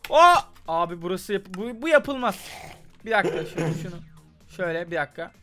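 A man hosting a casual gameplay video, talking fast and getting exasperated, often breaking into shouts. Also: sits high, music in the background. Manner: excitable, exasperated outbursts, frequent shouting. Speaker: gaming channel host.

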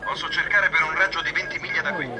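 An actor voicing a calm, formal male talking car computer, played from a car speaker. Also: a little high. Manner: calm, measured, formal machine speech. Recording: distant speaker outdoors, crowd noise. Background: loud outdoor crowd.

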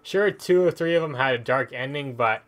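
A man with a mid-range, slightly bright voice plays through a game at a moderate pace, offering relaxed commentary as the video's host and musing aloud as he goes. Game music runs behind him.

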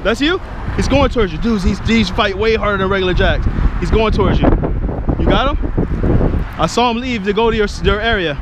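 A young man vlogging his fishing from a bridge by the sea, excitable and talkative, filmed on an action camera outdoors. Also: sits high, fairly quick, long pauses, heavy background noise. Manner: excitable, hollers and laughs, repeats himself.

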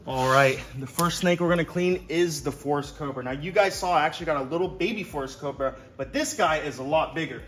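An excited young man hosting a handheld wildlife vlog in a slightly high voice. He talks casually and enthusiastically to the camera, full of slang and exclamations, with some room noise behind him. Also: brisk, few pauses. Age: 20s. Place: indoor reptile room with concrete floor. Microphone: handheld phone or camera, varying distance.

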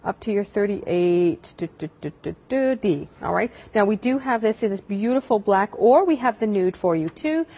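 Lady home shopping host chatting thru a live sales pitch, medium pitched voice. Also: lively intonation, moderate pace, few pauses, husky, highs cut off. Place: TV shopping studio.

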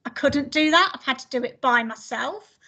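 A middle-aged woman with a high voice speaks over a video call from her home office. She answers questions after a talk in a loose, hesitant way, often restarting her sentences. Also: lively intonation, normal speed, sharp tone. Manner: hesitant, many restarts and fillers. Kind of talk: casual academic Q&A.

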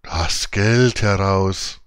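A man voicing two menacing male robbers in a storybook reading, with a hollow, grim growl and slow threats. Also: sits low, clean tone, no room sound, clean studio sound.

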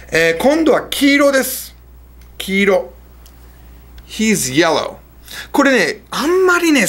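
A man casually explaining English color idioms, chatty and lively, pausing to fix his gear. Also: a little high, creaky. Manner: lively, chatty, fixing his setup mid-lesson. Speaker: English teacher.

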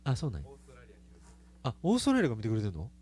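A man's voice: medium pitch, wildly swooping pitch, very fast, a little mellow. A man with a Kansai accent, a singer chatting casually with his live stream audience between songs, laughing often. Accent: Kansai Japanese. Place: small live music venue.

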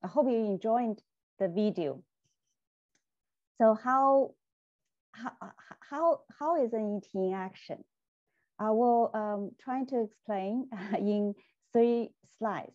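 A woman giving a measured, deliberate academic talk over a video call. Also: on the high side, mellow, no echo. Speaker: guest lecturer. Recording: dull video call audio.

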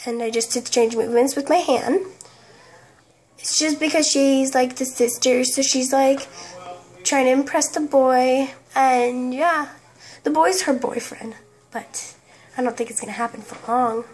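A woman casually commenting on a life-sim game, rambling and halting, often tripping over words. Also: sits high, steady tone. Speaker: game video creator.

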